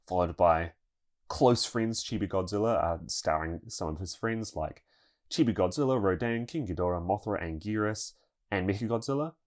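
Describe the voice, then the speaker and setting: A man's voice: deep voice, normal speed. A man co-hosting a podcast, chatting casually through a news segment and laughing now and then. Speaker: podcast co-host.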